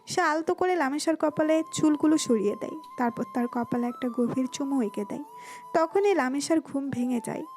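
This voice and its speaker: A woman with a Bengali accent giving smooth, even scripted narration of a romantic audio story. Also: high voice, normal speed, soft background music.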